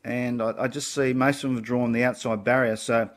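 A man's voice: mid-range voice, fairly even intonation, fairly quick. An Australian man, a horse racing tipster, talking casually and confidently through his picks in a blokey, opinionated way. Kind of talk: casual racing tips on a panel show.

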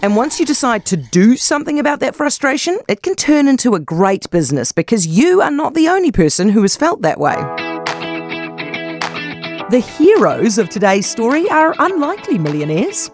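A woman's voice: mid-range voice, very animated, a little mellow. New woman narrating a business story. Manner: measured, storytelling delivery. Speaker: radio business show host. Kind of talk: scripted podcast narration. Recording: faint music bed behind voice.

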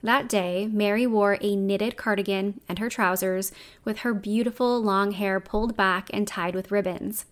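A woman's voice: medium pitch, steady tone, normal speed. Canadian woman, true crime narrator. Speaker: true crime podcast host.

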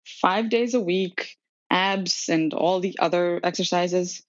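Her voice on the low side and her pace slow, a woman in her thirties from Serbia chats about her own story as a podcast guest, laughing and using many ums. No echo is present, and the recording sounds dry, dull, and lo-fi.

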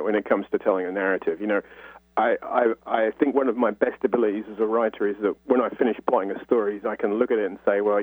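Heard over a muffled, narrow-band phone line, a novelist from North London speaks with a London accent while reflecting on a radio interviewer's questions and explaining his answers. His voice is on the low side and breathy, with no room sound.

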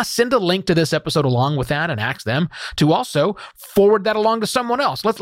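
A man's voice: high-pitched, dry recording, studio quality. A man hosting a solo podcast, giving earnest, emphatic advice in a conversational way. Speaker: podcast host.

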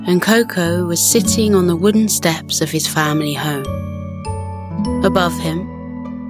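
A woman narrating a children's sleep story in a gentle, soothing, unhurried way, as the host of a scripted bedtime podcast. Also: lowish voice. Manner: soothing, gentle, unhurried guided-relaxation delivery.

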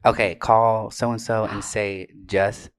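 A man co-hosts a casual livestream full of banter and prank calls, speaking in a slangy, sassy way. His lowish voice is smooth and slow, with little pitch movement, and he's the one making the prank calls.

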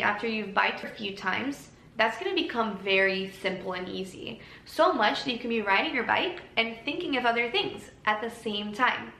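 A woman hosting a solo podcast, talking calmly and gently in an encouraging way. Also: medium pitch. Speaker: podcast host. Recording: echoey room with faint ambient noise.

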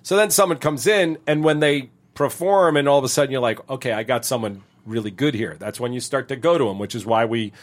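A man's voice: mid-range voice, brisk, few pauses. Rambling middle-aged man, podcast co-host. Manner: rambling, hesitant, restarts a lot. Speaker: show creator and podcast co-host. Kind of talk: casual podcast chat.

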